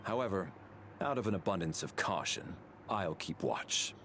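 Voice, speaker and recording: An actor playing an aloof, stoic guardian in a video game, speaking in a serious, formal way. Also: male voice, low voice, animated, moderate pace, a bit bright, a little hiss or hum. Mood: composed. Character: aloof, stoic male guardian, curt and dutiful.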